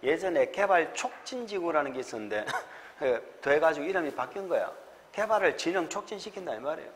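A man's voice: on the high side, expressive, a little fast, big-room sound. A man with a Gyeongsang accent giving an exam-prep lecture, drilling mnemonics and chuckling often.

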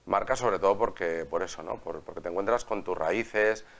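A man's voice: sits low, normal speed, creaky. A man in his forties, from Spain, telling personal stories as an interview guest in a small TV studio, with a lapel mic. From Aspe, Alicante, Spain. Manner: storytelling, lively, emphatic hand gestures. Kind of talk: conversational interview.

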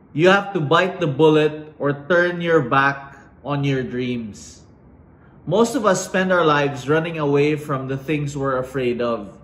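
Middle-aged male commencement speaker, slow deliberate inspirational delivery, roomy echo. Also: a little high. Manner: slow and dramatic, with emphatic pauses. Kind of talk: inspirational speech. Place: indoors against a plain wall. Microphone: fixed camera at chest framing.

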